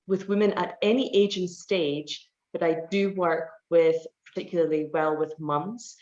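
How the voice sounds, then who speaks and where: Measured in pace and steady in tone, her lowish, darkish voice carries casual interview answers. She's a personal trainer from Scotland in her forties, a guest who explains at length and uses many fillers. The online call audio is roomy and dull.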